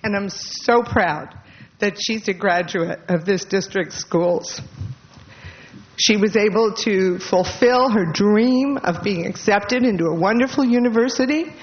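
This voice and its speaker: Tearful woman giving a farewell speech. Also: mid-range voice. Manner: emotional, halting, laughing through tears. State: tearful, voice catching. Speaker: departing school board member. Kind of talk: farewell speech at a public meeting. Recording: dull lo-fi meeting recording with faint noise.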